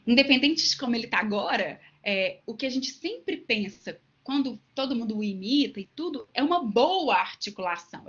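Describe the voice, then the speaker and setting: Woman with a Minas Gerais accent, high voice, explanatory online lecture, dull lo-fi audio. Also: fairly bright tone. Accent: Minas Gerais Brazilian Portuguese. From Minas Gerais, Brazil. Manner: explanatory, with everyday examples and asides. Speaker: lecturer on voice care for teachers.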